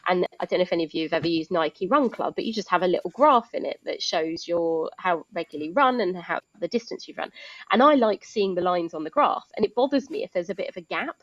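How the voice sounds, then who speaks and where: A woman's voice: lowish voice, lively intonation, fast, dry recording, dull audio. A woman speaking as a guest in a live online talk, chatty and explanatory with many fillers. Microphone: video call.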